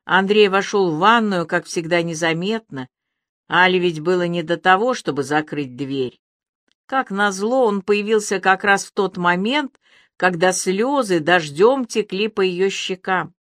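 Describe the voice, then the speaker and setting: A woman narrating an audiobook in an even, measured reading. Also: fairly low pitch, no room sound, clean studio sound.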